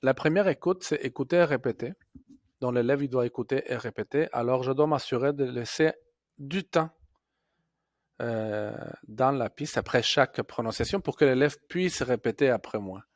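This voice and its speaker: A man teaching a software tutorial step by step, pausing and correcting himself as he goes. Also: mid-range voice, dry recording, studio quality. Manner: slow, step-by-step explaining with fillers and self-corrections.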